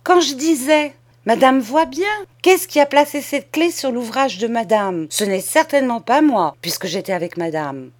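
A woman's voice: a little high, lively intonation, moderate pace, hardly any pauses, pitched above the performer's own voice, close to an everyday voice. A woman reading aloud and voicing a clever, good-hearted young maid who outwits her mistress. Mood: innocent. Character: clever, kindly young maid, quick and sly.

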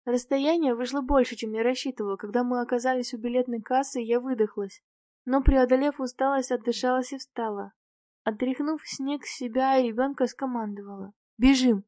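A woman reading a novel aloud in the first person, with clear, expressive storytelling. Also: fairly high pitch, a little fast, dry recording, clean studio sound. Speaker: audiobook narrator.

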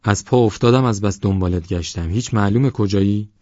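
A man's voice: on the low side, a little mellow, no echo, close to an everyday voice. A man voicing a tired, harsh and sarcastic village husband who hurls bitter accusations. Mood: angry, accusing. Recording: dull lo-fi audio.

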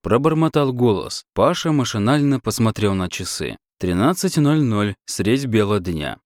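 A man narrating a story in an expressive, wry way. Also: fairly low pitch, normal speed, no echo, clean studio sound. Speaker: audiobook narrator.

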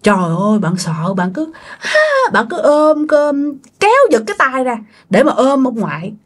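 Woman host, chatty storyteller, very animated pitch, speaks to listeners. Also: moderate pace. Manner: chatty, addresses listeners directly. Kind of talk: casual ghost-story narration.

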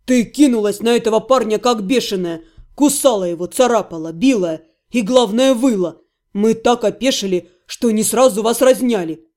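A woman voicing a steady young male battle mage in an audiobook, speaking plainly in a lowered voice. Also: normal speed, natural voice. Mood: urgent.

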